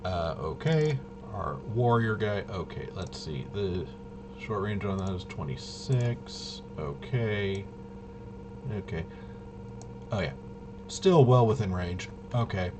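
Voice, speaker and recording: Deep-voiced and expressive, a man speaks slowly as he presents solo tabletop RPG gameplay in a casual way. He mutters to himself hesitantly, thinking aloud while figuring things out, with background noise present.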